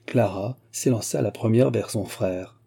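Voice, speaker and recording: Male audiobook reader, low and very dark, measured literary delivery. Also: creaky, breathy edge. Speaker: audiobook narrator. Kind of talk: classic literature audiobook narration.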